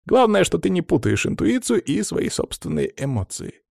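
A man voicing a calm old grandfather. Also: sits high, moderate pace, vocal fry, no echo, pitched above the performer's own voice, exaggerated voice. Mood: knowing. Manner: dry, knowing, gently amused.

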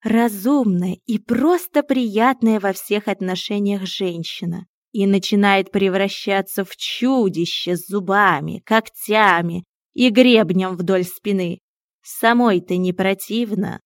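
A wise old tomcat who drawls his words slowly and lectures with dry mockery, as a woman reading a storybook puts him on. The voice is close and dry, with no room sound around it. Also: mid-range voice, no echo. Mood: stern drawl. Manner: slow, drawling, stern and mocking. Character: wise sardonic old male talking cat.

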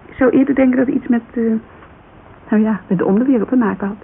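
The same Dutch character, a thirty-three-year-old Amsterdam model agency owner, speaks fast in a fairly high, gravelly, creaky voice, her mood reflective and candid though still guarded and wistful. She talks colloquially, hesitating and hunting for words in naturalistic radio drama dialogue. The recording is hissy and narrow-band.

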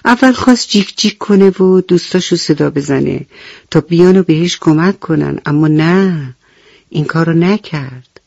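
A woman narrating a bedtime story on the radio, speaking gently and turning to the children listening. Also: deep voice, gravelly, no room sound. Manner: gentle, addresses children directly. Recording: dull dry radio studio sound.

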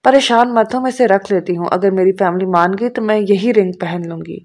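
A woman reading the lines of a serious young woman who speaks softly and gently but firmly. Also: medium pitch, natural voice. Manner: serious, soft-spoken.

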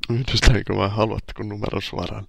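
A man's voice: on the low side, flat delivery, creaky, no room sound. A man voicing an eager young woman working as a phone directory operator, bubbly and overly helpful.

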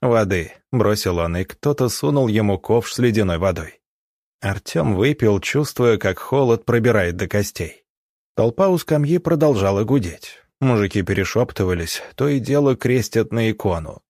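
Scripted narration from a male audiobook reader whose voice is lowish, delivered steadily and evenly at a moderate pace. The sound is dry and close, without echo or room sound.

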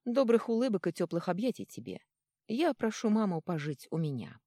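An earnest, resolute young man, voiced by a woman reading the story, steady and sincere as he pleads and defies. The tone is mellow and close, with a lively lift. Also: medium pitch, a little fast, dry recording, voice pushed up. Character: young man standing up to his father, resolute.

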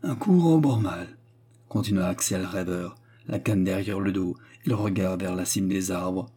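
A man calmly narrating a novel as an audiobook reader. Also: deep voice, moderate pace, breathy edge. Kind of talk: scripted narration.

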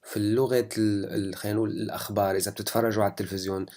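A man's voice: on the low side, little pitch movement, very fast, a little mellow. A young man with a Levantine Arabic accent gives a German lesson, explaining rules and drilling number words one by one. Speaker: German teacher. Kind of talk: language lesson.

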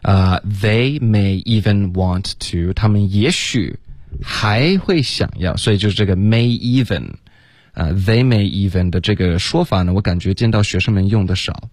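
A man co-hosting a radio English lesson with a low voice. He explains phrases casually, then slows right down to model each word. The studio sound is dry and close. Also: darkish tone, dry recording. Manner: slow, careful model pronunciation of English phrases. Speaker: English teacher.

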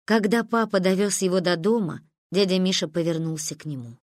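A woman's voice: fairly quick, dry recording, studio quality. Woman narrating a family story. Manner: lively, acts out quoted lines with big pitch jumps. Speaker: audiobook narrator. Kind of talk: scripted narration with voiced dialogue.

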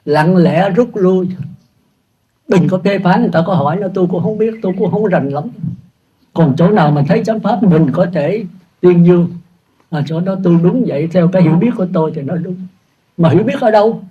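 Older monk, husky and dull recording. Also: male voice, high voice, brisk, dark tone. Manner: chatty, self-mocking, laughs at his own jokes. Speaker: Buddhist monk teacher. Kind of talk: casual dharma talk.

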